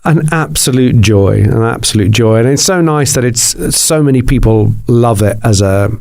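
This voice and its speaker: A Greek-native man who works in TV presenting and journalism talks loosely in a casual podcast interview, restarting sentences and padding with fillers. His medium-pitched voice has a darkish tone and vocal fry, and he's expressive at a moderate pace.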